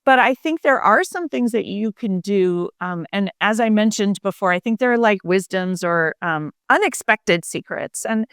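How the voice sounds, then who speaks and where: A woman's voice: medium pitch, animated, moderate pace, hardly any pauses, fairly bright tone, clean tone, no room sound, studio quality. A woman physician and mindfulness coach, a podcast guest, explaining her ideas in a reflective, conversational way with many fillers. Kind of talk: conversational interview.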